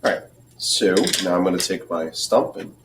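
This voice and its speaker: A man giving a drawing tutorial, talking through each step in a relaxed way, clearing his throat now and then as he loses his voice. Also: low-pitched, moderate pace, distant mic, background noise. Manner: relaxed, thinking aloud while drawing, frequent throat clearing. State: losing his voice. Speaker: art teacher.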